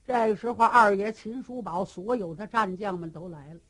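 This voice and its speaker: A woman performing a traditional Chinese storytelling piece, lively and dramatic, acting out every character. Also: medium pitch, brisk, breathy edge.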